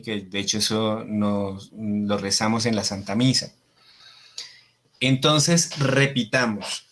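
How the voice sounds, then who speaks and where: A man teaching a Latin class over slides, repeating each Latin phrase slowly and often checking with his students. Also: medium pitch, fairly bright tone. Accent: Latin American Spanish. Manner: slow, deliberate, frequent checking questions ("¿sí?").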